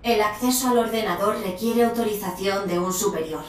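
A woman voicing a calm female facility computer that gives formal announcements over a loudspeaker in a dubbed video game. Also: mid-range voice, fairly quick, distant mic, slight background noise. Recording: echoey loudspeaker from afar over loud music.

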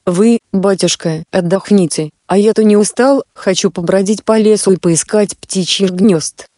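A woman voicing a bold, cheeky young peasant man in a read-aloud fairy tale, with a mellow tone in a dry recording. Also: mid-range voice, moderate pace, dry recording, lightly acted. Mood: calm. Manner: fearless and mocking.

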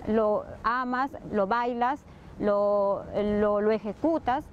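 A woman's voice: mid-range voice, slow pace, lo-fi sound, slight background noise. A woman scissors dancer speaking earnestly and from the heart in an interview, recorded outdoors in a park. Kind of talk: interview testimony.

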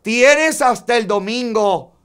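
A man's voice: very high voice, animated, takes it slowly, a bit bright, slight background noise. A man hosting a gossip show, reading private chats aloud and commenting on them in a flamboyant, theatrical way full of exclamations. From Cuba.

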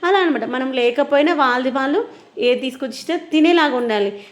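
A woman's voice: high voice, a little fast. A woman chatting casually and explaining things to viewers as a vlogger. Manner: explanatory, conversational. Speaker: vlogger and mother.

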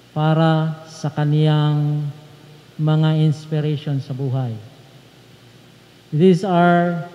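A man with a Filipino accent giving a wedding homily, speaking slowly and deliberately and mixing English with Tagalog. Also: on the high side. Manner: slow, measured preaching, switching between English and Tagalog. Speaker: priest officiating a wedding. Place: large stone church. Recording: dull sound with long church reverb.

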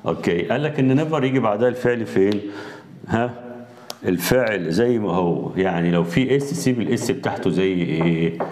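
A man with an Egyptian Arabic accent gives a grammar lesson in a low voice. He keeps asking the class questions and then answers them himself, and he spells out English examples slowly. His voice rings off the walls of an echoey room. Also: expressive, darkish tone, slight background noise. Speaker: English teacher.

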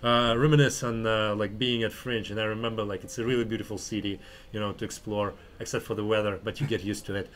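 A man's voice: fairly low pitch, steady tone, quick pace, few pauses, fairly bright tone, slight background noise. A man from Russia with a Russian accent hosting a casual chat, hesitant, rambling and given to swearing. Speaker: podcast host, stand-up comedian.

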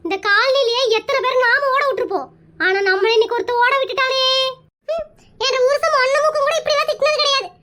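A woman's voice: extremely high pitch, sharp tone. A woman voicing a pushy, chatty married aunt in a cartoon comedy, who plays matchmaker and talks. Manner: brash, nosy, rambling.

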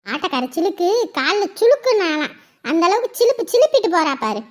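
A woman playing a sharp-tongued village wife. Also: very high-pitched, very animated, fairly quick. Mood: mocking. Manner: scolding, sharp-tongued, teasing. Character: bossy married village woman scolding neighbours. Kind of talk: village comedy-drama acting.

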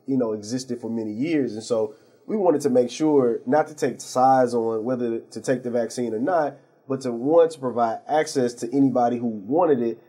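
A man's voice: medium pitch, moderate pace, dark tone, slightly rough. A man, a pharmacy owner, explaining his services as a guest on a TV interview show, earnest and full of fillers and restarts. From St. Louis area.

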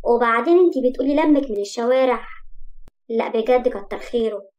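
An icy, sardonic rich young man speaks in a flat, cutting tone, as a woman with an Egyptian accent reads his lines. The voice sits high yet sounds dark and mellow, as in a spoken storybook. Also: brisk, dull audio, natural voice. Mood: bitter.

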